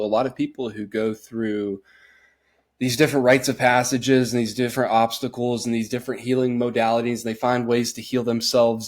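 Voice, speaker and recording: This podcast host, a young man, has a mid-range voice with a darkish tone. He keeps the casual chat loose and rambling, relaxed and heavy on "like" and "uh."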